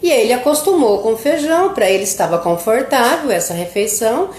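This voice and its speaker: A middle-aged live-stream host focused on children's nutrition chats casually through a family story, often ending sentences with "né?" ("right?"). Her fairly high voice is expressive and a little mellow, and she talks a bit fast. There's a roomy echo on the recording.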